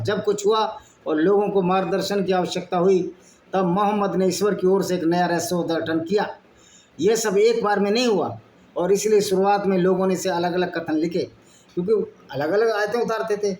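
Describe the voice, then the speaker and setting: A man's voice: high-pitched, a little mellow. A man reading passages aloud and breaking into blunt, argumentative asides as a channel host. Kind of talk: reading and commenting on texts. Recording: echoey room with faint background noise.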